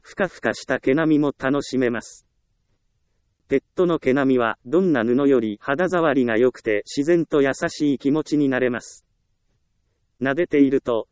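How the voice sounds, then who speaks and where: Guy reading self-help stuff, calm and measured, lots of little pauses, dry close sound. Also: mid-range voice, clean tone, no room sound. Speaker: narrator. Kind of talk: scripted self-help narration.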